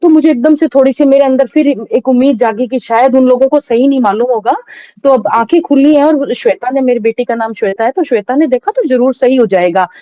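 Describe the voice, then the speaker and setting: A middle-aged woman recounting a painful loss as an interview guest, in a halting, sorrowful way with many restarts. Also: high voice, mellow, dry recording, highs cut off. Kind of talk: emotional personal testimony.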